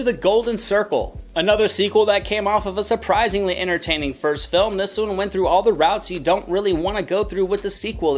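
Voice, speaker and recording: A man narrating a scripted top ten countdown as a film review host, with an opinionated, critical delivery. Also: sits high.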